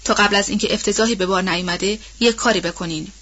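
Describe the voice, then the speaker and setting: A fretful old nanny woman, read by a woman in a storybook recording, rambling on in a loose, colloquial way. Her voice sits at a middling pitch. The sound is dull and lo-fi. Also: steady tone, fairly bright tone, natural voice. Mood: worried. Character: old household nanny woman, anxious and gossipy. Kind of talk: audiobook role-play reading.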